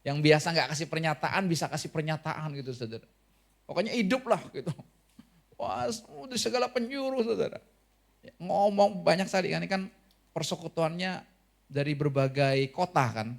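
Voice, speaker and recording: A man pastor giving a lively, conversational sermon in church, often putting questions to the congregation. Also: a little high, brisk, creaky. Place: church hall.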